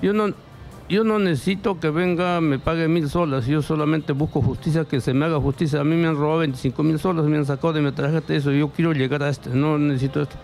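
A middle-aged Peruvian man with a rough, gravelly, slightly high voice and a darkish tone gives emotional testimony about bank fraud in a radio studio, wearing headphones at a studio mic. His intonation is fairly even and soft music plays behind him. He halts, circles back, repeats himself and acts out the words of lawyers and officials.

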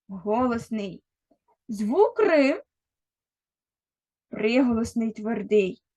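Speaking patiently to a young child, a primary school teacher with a Ukrainian accent leads a first-grade literacy lesson. Her pitch is fairly high, with a breathy edge.

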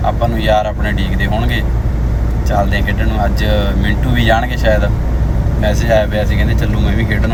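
A man's voice: lowish voice, heavy background noise. A young man, chatting casually as a vlogger and bantering with friends.

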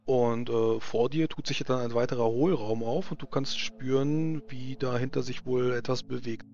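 A man's voice: medium pitch, steady tone, normal speed, a little mellow. A man narrating a tabletop role-playing game as game master, searching for his descriptions. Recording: slightly muffled mic with faint noise.

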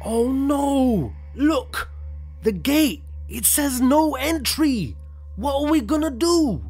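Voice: sits high, expressive, slow pace, a little mellow, soft background music, exaggerated voice. An actor playing a bumbling, boastful boy superhero DJ in a children's audio drama, dramatic and exclaiming. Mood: alarmed. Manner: dramatic, exclaiming, self-important.

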